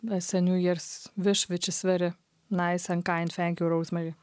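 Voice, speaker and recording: A woman organist co-hosting a talk about organ music, speaking in a measured, agreeable way. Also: on the low side, flat delivery, darkish tone, clear, resonant tone, no echo. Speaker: organist and podcast co-host. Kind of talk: casual discussion.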